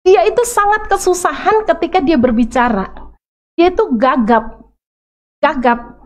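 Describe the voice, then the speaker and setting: A middle-aged woman preaching a sermon in a church, animated and acting out the voices she quotes. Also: very high voice, a little slow.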